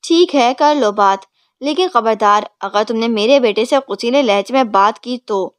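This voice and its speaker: A woman's voice: fairly high pitch, clear, resonant tone, no echo, natural voice. A woman voicing a fierce, doting older mother who scolds her husband in an angry tone. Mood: scolding.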